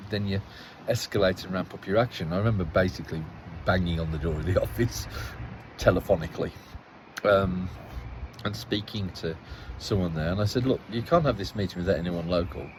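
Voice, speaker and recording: A man with a fairly low voice gives a casual, rambling account as a local parish councillor, often repeating and restarting his phrases. He tells it with a note of exasperation. He is recorded outdoors in a town, with faint traffic in the background. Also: brisk.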